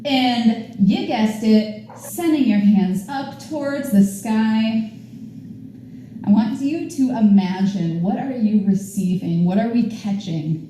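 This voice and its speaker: A woman's voice: fairly high pitch, slow, warm tone, very echoey, a little hiss or hum, rough recording. A woman teaching a yoga class, guiding poses with upbeat, chatty encouragement. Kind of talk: guided yoga class instruction. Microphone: camera mic at a distance.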